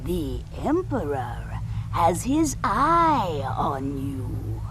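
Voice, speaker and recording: Old lady fortune teller for a game, super slow n swoopy, cryptic pauses, noisy background. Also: on the low side, huge pitch swings, a bit bright, full character voice. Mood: mysterious, portentous.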